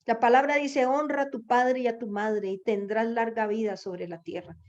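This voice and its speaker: A woman's voice: a little high, fairly even intonation, moderate pace, a little mellow. A woman preaching a sermon, exhorting her listeners with rhetorical questions and repeated phrases. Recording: dull lo-fi recording.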